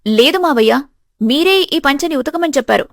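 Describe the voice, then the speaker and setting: Woman as a meek cartoon daughter-in-law, earnest, fairly high voice, dry. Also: expressive, a little fast, dry recording. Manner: earnest, pleading. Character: meek but steadfast young daughter-in-law. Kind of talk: animated storybook voice acting.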